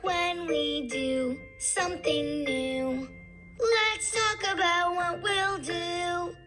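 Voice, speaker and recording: A cheerful little tiger boy from a children's cartoon. The voice is very high and bright, with childlike enthusiasm and simple, unhurried phrasing. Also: steady tone, soft background music, heavily acted. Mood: curious, instructive. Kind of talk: children's cartoon app narration.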